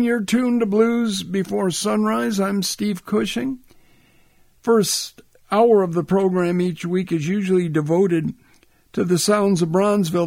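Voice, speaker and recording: Gravelly, slow-talking male radio host. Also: high voice, darkish tone, no room sound, studio quality. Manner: easygoing, conversational, unhurried. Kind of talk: relaxed radio DJ talk between records.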